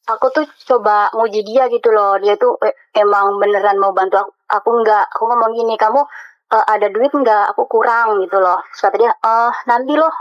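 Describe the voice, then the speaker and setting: A woman's voice: mid-range voice, fairly even intonation, a little fast, dry recording. A woman calling in for advice, retelling her story in an emotional, rambling way with many fillers, close to tears. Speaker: caller. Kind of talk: phone-in advice chat. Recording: dull lo-fi phone audio.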